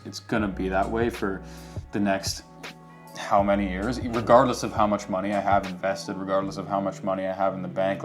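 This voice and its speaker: A young man in his twenties talks through a relaxed, candid chat as host, reflective and full of loose fillers. His voice sits fairly low, with faint guitar music playing in the background. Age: 20s. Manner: reflective, candid, many "like" and "you know" fillers. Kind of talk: casual chat.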